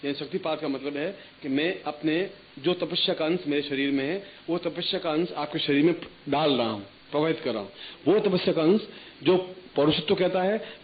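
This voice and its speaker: A man's voice: a little high, slight background noise. A man giving a spiritual discourse as guru, instructing listeners and chanting mantras rhythmically. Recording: tinny phone-like archival recording.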